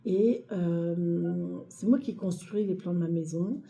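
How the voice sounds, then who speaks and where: A woman's voice: fairly low pitch, a little slow, vocal fry, dark tone. A woman giving a weekly tarot reading to camera, speaking to viewers in a reassuring way and hesitating often with fillers and repeated phrases. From France. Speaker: tarot reader.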